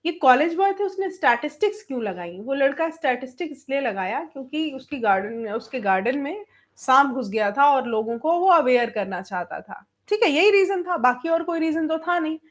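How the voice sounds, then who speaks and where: A woman's voice: high voice, very animated, fairly quick. A woman teacher with a Bihari Hindi accent, explaining an English lesson in Hindi and switching between both languages. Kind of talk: online class lesson.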